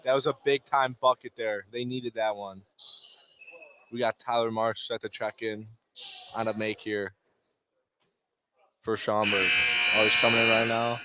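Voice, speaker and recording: A man with a fairly low, level-toned voice calls live radio play-by-play of an indoor high school basketball game at a measured pace, pausing often between terse, clipped phrases. The gym's background noise is clear.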